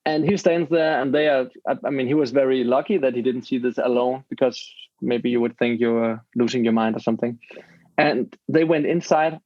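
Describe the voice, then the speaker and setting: A Danish-speaking man tells a story casually in English on a podcast, hunting for words and restarting sentences; he is described as both a guest and the host. His voice is medium-pitched, steady, fairly quick and a little mellow. The recording has no echo, with a dull, dry lo-fi sound.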